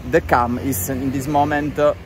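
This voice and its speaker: A man in his thirties with an Italian accent, live streaming in a casual, flirtatious, excitable way and often repeating his phrases. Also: mid-range voice, measured pace. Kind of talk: casual live street vlog, switching between languages. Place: outdoors on a city street by a road. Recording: noisy city street with traffic.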